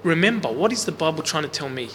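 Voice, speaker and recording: A loud man with a bright, slightly high voice teaches a Bible class in a large room, talking fast with big swings in pitch. He speaks casually and explains things, putting questions to the group and projecting without a microphone. A recorder in the room picks up long hall reverb and faint background hiss.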